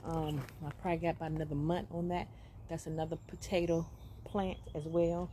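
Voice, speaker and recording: A woman giving a casual walk-through of her container garden, upbeat and grateful, chatting with pauses and fillers as she films on a phone held close. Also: low-pitched, little pitch movement, warm tone, slight background noise. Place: outdoor container garden on gravel. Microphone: phone camera held close while filming plants.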